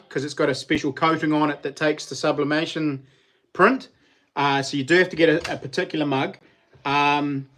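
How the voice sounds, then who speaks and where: A man's voice: a little high, a bit bright. A man with a broad New Zealand accent hosting a casual live chat, talking to viewers in matey Kiwi slang. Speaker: live stream host.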